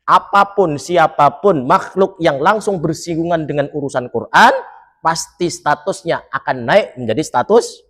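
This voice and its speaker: A man preaching in a mosque, quizzing his listeners and joking, reciting Arabic phrases and then explaining them. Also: fairly high pitch. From Solo, Central Java. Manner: lively, jokes and quizzes the congregation. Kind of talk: mosque sermon.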